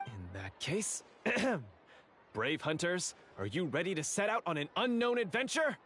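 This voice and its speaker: A man's voice: high voice, big pitch swings, a little slow, fairly bright tone, slight background noise, heavily acted. A man voicing a friendly male script manager in a video game, polite and welcoming with a theatrical touch. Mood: storytelling. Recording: game audio with music behind.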